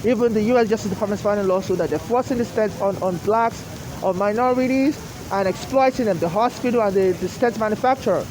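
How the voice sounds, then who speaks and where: A woman from Africa giving a rambling, aggrieved personal monologue, halting and often repeating herself, outdoors in the rain. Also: mid-range voice. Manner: repetitive, halting and restarting, aggrieved. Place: outdoors on a city street in the rain. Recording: noisy outdoor street with traffic.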